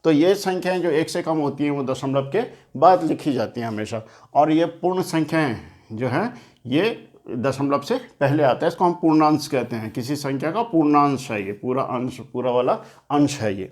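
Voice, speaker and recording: A man with a fairly high voice speaks at a moderate pace, teaching children maths in a classroom. He writes on a board as he talks, explaining patiently step by step and often repeating and rephrasing the key points.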